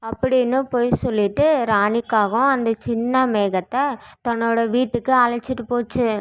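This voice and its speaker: A woman narrating a children's cartoon story in a steady storytelling way. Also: on the high side, moderate pace.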